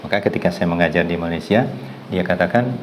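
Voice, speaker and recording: A middle-aged man with a very low, deep voice teaches a massage class in a storytelling way. He acts out the people in his anecdotes and laughs along the way, with a faint room hum behind him. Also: fast talker, rough recording. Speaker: massage therapy instructor.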